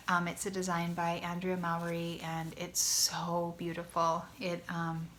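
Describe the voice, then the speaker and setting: A woman's voice: fairly low pitch, a bit bright, slight background noise. A woman hosting a knitting vlog from a guest bedroom at home, chatting casually and gushing, a little congested. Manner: enthusiastic, gushing, frequent ums. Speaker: knitting podcast host.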